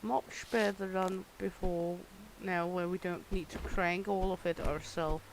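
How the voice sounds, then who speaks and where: A woman's voice: lowish voice, steady tone, measured pace, noisy background. A woman playing a cooking game, talking to herself as she works and swearing at impatient customers in a playful way. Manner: playful, talks to herself while working. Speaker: gamer playing a cooking simulation. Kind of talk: casual gameplay commentary.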